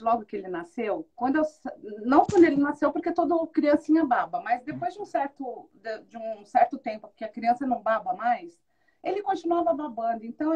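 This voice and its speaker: In a casual conversational interview about motherhood, a woman tells good-humored stories, acting out what people said and laughing often. Her voice is high-pitched and slightly rough, with lo-fi sound.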